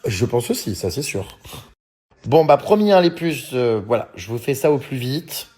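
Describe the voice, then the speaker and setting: A man in his thirties has a very animated, medium-pitched voice that is darkish and slightly rough, at normal speed. In a casual vlog he chats and tells stories to his followers, reads out and answers fan messages, uses many fillers like hein and euh, and laughs often while speaking.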